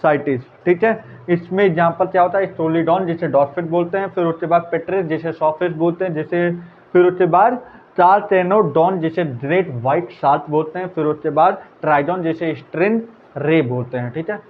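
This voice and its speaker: A man teaching biology as a quick revision lecture, repeating answers and chatting casually with students. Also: a little high. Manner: casual, repeats answers, calls listeners brother. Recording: tinny phone-like audio, faint hiss.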